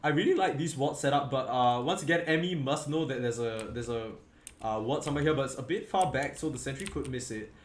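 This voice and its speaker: In an echoey room with a faint hum of background noise, a male esports caster talks through a match at a slightly fast clip and medium pitch. He's tired and yawning, and his casual commentary wanders, with frequent fillers and self-corrections mid-sentence.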